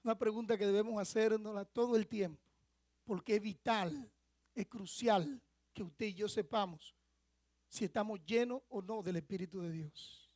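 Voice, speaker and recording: A man's voice: high-pitched, moderate pace, a little mellow, no echo. Male pastor preaching, dry close sound. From Dominican Republic. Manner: teaching with rhetorical questions to the congregation. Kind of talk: sermon. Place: church sanctuary.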